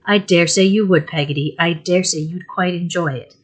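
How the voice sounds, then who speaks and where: A woman reading aloud and voicing a pretty young widowed mother who is tearful and easily hurt, pleading in a high, rising voice. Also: animated, normal speed, natural voice. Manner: plaintive, pleading, rising in distress.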